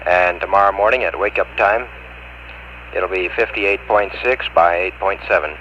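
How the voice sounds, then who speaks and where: A man's voice: sits low, normal speed. A man at mission control talking to a spacecraft over the radio in clipped, procedural phrases, heard through a muffled radio transmission. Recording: dull lo-fi radio link with faint hiss.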